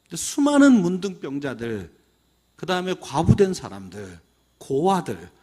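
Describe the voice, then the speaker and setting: Animated male pastor with a husky voice. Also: fairly high pitch, moderate pace. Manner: animated, acting out quoted voices of kids and teachers. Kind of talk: teacher training lecture.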